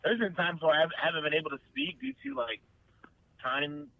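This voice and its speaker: A man's voice: on the high side, big pitch swings, normal speed, gravelly, no echo. A man, a band member guest in a casual interview, talking earnestly and rambling with many restarts. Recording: dry, phone-like remote line.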